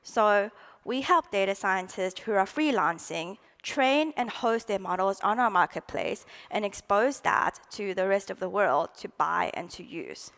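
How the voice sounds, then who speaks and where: A woman founder giving a startup pitch presentation in a salesy, jargon-laden way. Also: animated, measured pace, gravelly, a bit bright.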